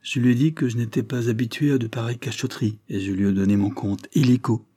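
A man's voice: mid-range voice, fairly even intonation, fast talker, mellow, husky, close to an everyday voice. A man doing a fawning, scheming housekeeper. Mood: triumphant. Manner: fawning, then triumphant. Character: intriguing middle-aged housekeeper woman, spiteful.

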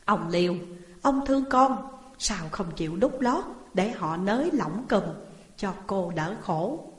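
A woman's voice: mid-range voice, expressive, measured pace, close to an everyday voice. A sly male jail guard gives coaxing advice, as a woman narrator puts him on. The voice sits in a roomy space with a long reverb. It is a storybook reading.

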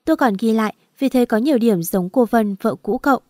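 A woman voicing an older female housekeeper who speaks gently and persuasively. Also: on the high side, quick pace, no echo, studio quality, lightly acted. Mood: coaxing.

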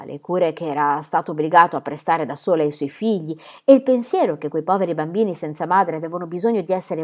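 A woman reading a classic novel aloud as an audiobook, with expressive storytelling. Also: fairly low pitch. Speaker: audiobook reader.

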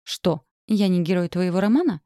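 A woman voicing a blunt, gruff bearded giant of a man in an audiobook, delivering curt, mocking remarks. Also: lowish voice, expressive, normal speed, mellow, no echo, studio quality, lightly acted. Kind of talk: audiobook character dialogue.

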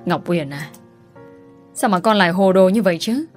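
A woman's voice: fairly low pitch, normal speed, soft background music, lightly acted. A woman voicing a distraught middle-aged mother who wails reproaches at her daughter. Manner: wailing reproach.

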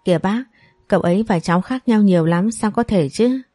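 A woman's voice: mid-range voice, brisk, mellow, no echo, studio quality, faint music behind, natural voice. A woman voicing a humble, hesitant young mother. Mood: modest. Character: modest young single mother.

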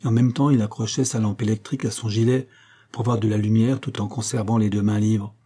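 A man narrating an adventure novel in a steady, dramatic storytelling manner. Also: fairly low pitch, fast talker, husky. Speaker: audiobook reader. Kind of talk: scripted narration of a pulp novel.

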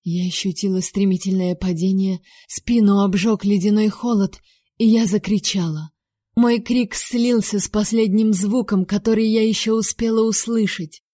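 Dark-toned woman narrating an audiobook. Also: medium pitch, fairly even intonation, moderate pace, no echo, studio quality. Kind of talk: first-person audiobook narration.

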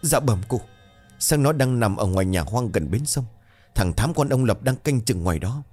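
A man's voice: medium pitch, animated, moderate pace, a little mellow, faint music behind, natural voice. A man doing a servile village guard. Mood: dutiful. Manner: servile, formal. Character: deferential male village guard reporting to elders.

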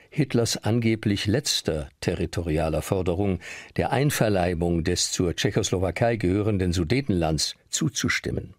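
A man's voice: sits low, dry recording, clean studio sound. A man reading scripted historical documentary narration.

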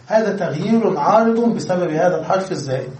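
A man's voice: sits high, expressive, fast, darkish tone. A man teaching Arabic grammar in a classroom lecture, explaining step by step and asking the class questions. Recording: echoey room, recorded from far off.

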